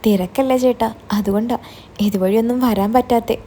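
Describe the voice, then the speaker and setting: A blunt, teasing young man from a storybook audio tale, put on by a woman narrator. The voice sits a little high and mellow, and he ribs his friend freely. A faint hiss runs behind it. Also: steady tone, brisk, natural voice. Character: cheerful hungry young man, the hero's old college friend, blunt.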